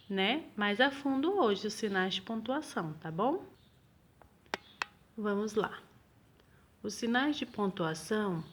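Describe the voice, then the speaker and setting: A woman, a primary school teacher, explaining a lesson to children slowly and patiently and often checking that they follow. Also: a little high. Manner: slow, patient explaining with frequent "tá bom?" checks. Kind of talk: recorded remote lesson for children.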